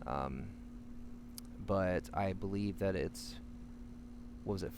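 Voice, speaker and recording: Sitting low outdoors, a vlogger speaks candidly to the camera, offering advice on coping with panic attacks while in the middle of one himself. He sounds anxious and panicky, halting and rambling as he corrects himself. The recording is clearly noisy, with a humming background.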